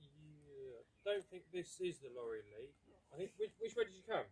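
A man's voice: on the high side, expressive, moderate pace, a little mellow, slightly rough, poor audio. A man chatting casually with a walker outdoors, friendly as he gives directions. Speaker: local passer-by. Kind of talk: casual chat. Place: outdoors on a rural track.

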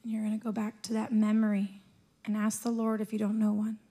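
A young woman speaking on a church stage with a handheld mic, gently coaching the congregation through a guided prayer. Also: medium pitch, completely flat delivery, brisk.

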